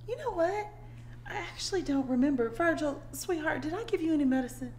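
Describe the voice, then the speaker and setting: A woman's voice: sits high, animated, a little fast, darkish tone. A woman playing a sly, commanding schemer. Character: bold, scheming young woman. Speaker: cousin in a comedy sketch. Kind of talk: comedy sketch acting. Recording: echoey room with clear background noise.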